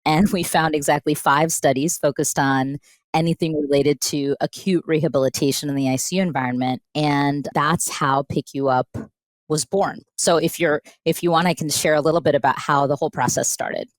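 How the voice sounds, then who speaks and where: Low-voiced woman, animated podcast guest. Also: moderate pace, no room sound. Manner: animated storyteller, acts out quoted dialogue. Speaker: pediatric intensivist guest. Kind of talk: conversational podcast interview.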